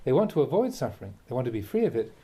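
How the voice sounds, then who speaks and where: A Buddhist monk with a mellow, mid-range voice reads a translated Dharma talk by his teacher, adding brief asides. He is very animated yet measured and emphatic, using rhetorical questions.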